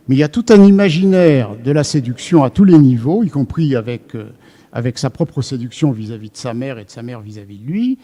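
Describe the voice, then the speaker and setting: A man with a slightly high, mellow voice gives an academic lecture to a live audience. He thinks out loud and frequently restarts sentences, and the lecture hall adds a long reverb.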